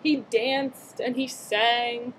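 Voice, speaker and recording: A young woman reads to her little relatives from a picture book, playful and full of chatty questions and exclamations. Her fairly high voice holds a steady tone and draws out her words. Captured on a webcam mic at arm's length, the audio is poor with faint hiss or hum.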